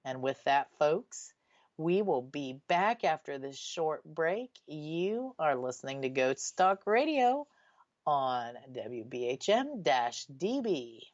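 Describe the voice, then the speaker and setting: A woman's voice: low voice, big pitch swings, slow pace, dry recording. A woman hosting a radio show about ghosts in a conversational storytelling style. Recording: slightly dull, dry sound.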